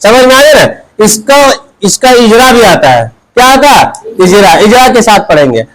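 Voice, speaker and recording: A man teaching Quran reading in a call-and-response lesson, asking questions and answering them himself, and drilling syllables slowly. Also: high voice, sing-song, rough recording.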